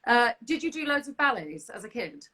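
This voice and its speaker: A woman's voice: on the high side, sing-song, a little fast, pushed and bright. Bubbly South African woman hosting a live chat. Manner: chatty, bubbly, laughs often. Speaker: host. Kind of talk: casual interview chat. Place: home, on a video call. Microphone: video call.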